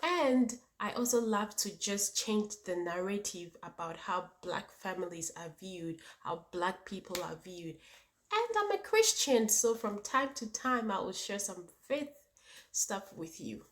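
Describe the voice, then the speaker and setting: A woman's voice: medium pitch, expressive, unhurried, a little hiss or hum. A woman with a Ghanaian accent speaking emphatically to her viewers as a vlog host, repeating points and posing rhetorical questions. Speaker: vlogger and channel host. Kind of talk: opinionated personal talk to viewers.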